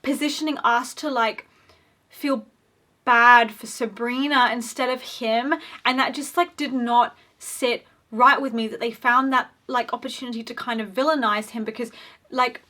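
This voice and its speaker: Bright, chatty young woman commentator. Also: on the high side, steady tone, moderate pace. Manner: chatty, frequent "like" fillers, opinionated. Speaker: video essayist. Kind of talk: casual commentary.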